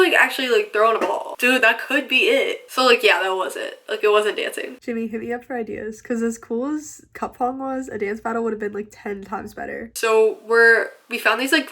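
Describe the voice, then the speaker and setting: A woman's voice: a little high, bright, forceful tone. A young woman in college telling a chatty, self-mocking vlog story full of fillers. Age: young adult. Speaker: vlogger.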